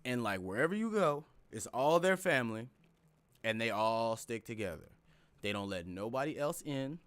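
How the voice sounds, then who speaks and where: A man ranting to his viewers in a casual, profane, animated way, calling them bro. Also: medium pitch, moderate pace, smooth, no room sound. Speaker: vlogger. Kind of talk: casual rant to camera. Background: background music.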